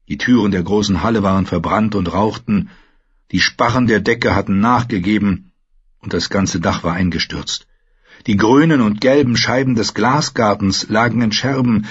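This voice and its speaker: A man narrating a fantasy audiobook in an even, steady storytelling voice. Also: on the low side, breathy edge, no room sound. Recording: slightly muffled, dry recording.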